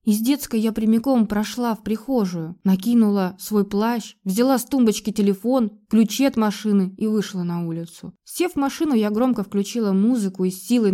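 A woman narrating a first-person story in a steady, emotional storytelling manner. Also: medium pitch.

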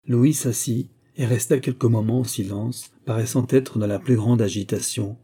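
Dark, husky male narrator. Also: medium pitch. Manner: measured, literary. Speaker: audiobook narrator. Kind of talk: scripted narration.

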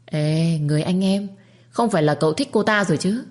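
A woman's voice: on the low side, fairly quick, lightly acted. A woman voicing a brash young man who teases his friend. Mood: teasing.

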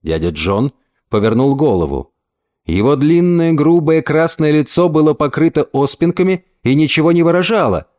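A man reading a story aloud as narrator, with an expressive, storytelling delivery. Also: fairly high pitch, moderate pace. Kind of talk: scripted narration.

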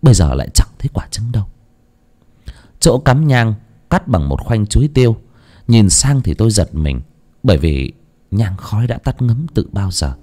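Man narrating a ghost story dramatically. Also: moderate pace. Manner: lively, dramatic telling with shifting pitch.

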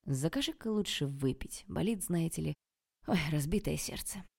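A woman's voice: sits low, animated, moderate pace, creaky, darkish tone, full character voice. Woman voicing a lazy, mocking male ruler. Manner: lazy, condescending, drawling. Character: smug, mocking male ruler posing as a boyfriend.

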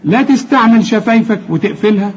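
A man with an Egyptian accent teaching Quran recitation, explaining each rule with quick questions and slowly drawing out words to demonstrate. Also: high voice, animated, husky, lo-fi sound. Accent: Egyptian Arabic.

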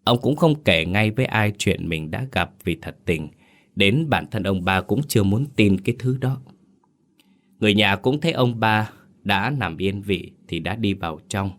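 A man telling a ghost story in steady, suspenseful scripted narration. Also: fairly low pitch, normal speed. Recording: faint music underneath.

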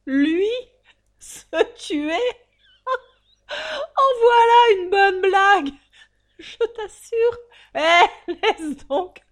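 A woman voicing a loud, blustering old miser banker. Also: fairly high pitch, very animated, measured pace, pitched above the performer's own voice. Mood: ranting. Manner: loud, ranting and scornful. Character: greedy blustering older male banker, irritable miser.

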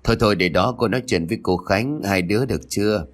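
A man's voice: fairly low pitch, quick pace, lightly acted. A man doing a doting, bossy rich father. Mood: indulgent.

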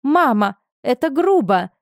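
A woman putting on a shrill, petulant noble girl. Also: very animated, takes it slowly, no echo, studio quality, full character voice. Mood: indignant. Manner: shrill, whining protest. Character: spoiled teenage noble girl, petulant and jealous.

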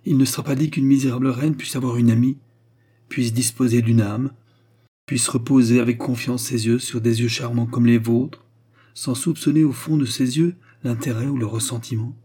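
A man's voice: medium pitch, a little slow, mellow, husky. A man voicing an impassioned, proud queen. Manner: impassioned pleading speech. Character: proud, anguished queen of France, a woman. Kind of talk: audiobook character reading.

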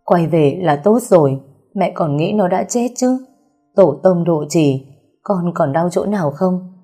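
A woman voicing an anxious, tearful middle-aged mother who speaks in a choked, halting way. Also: lowish voice, dark tone, husky, faint music behind.

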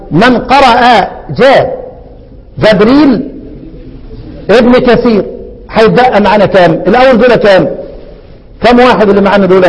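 A man with an Egyptian accent teaching Quranic readings to a class, lively, asking questions and answering them himself, repeating key words. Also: high voice. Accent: Egyptian Arabic. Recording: hall with long reverb.

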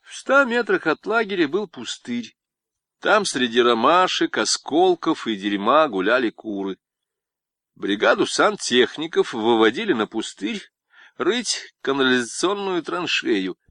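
A man narrating a literary audiobook with expressive, lively intonation. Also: medium pitch, a little slow, dry recording.

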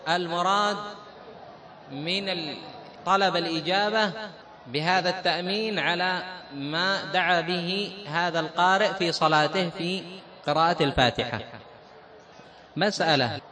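A man's voice: high voice, measured pace, pauses often, pushed and bright. A man teaching a religious lesson to a class, quizzing the students and drawing words out to show how they are pronounced. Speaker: Islamic teacher.

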